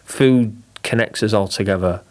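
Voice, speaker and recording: A middle-aged man with a Yorkshire accent, chatting excitedly as a guest in an interview. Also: lowish voice, normal speed. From England. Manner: excitable, bursts of emphasis, chatty and informal. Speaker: marketing director, podcast guest. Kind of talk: enthusiastic interview chat.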